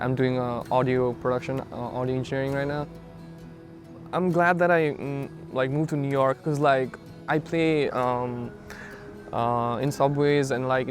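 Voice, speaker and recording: A young man speaks in a documentary interview at a middling pitch. He rambles and hesitates, with "like" dropped in again and again. Clear music plays beneath his voice. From Nepal. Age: 20s. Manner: hesitant, rambling, heavy use of "like" as a filler.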